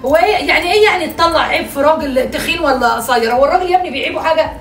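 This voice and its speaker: A woman's voice: high voice, animated, rapid-fire, a bit bright, reverberant, recorded from a distance. A woman with an Egyptian accent acting a scolding, insistent mother in a family sketch. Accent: Egyptian Arabic. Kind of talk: acted family drama sketch.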